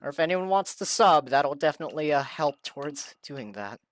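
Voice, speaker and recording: While playing a game on his livestream, a man chats casually, repeating himself with playful pleading. His voice sits a little high, animated, at a moderate pace.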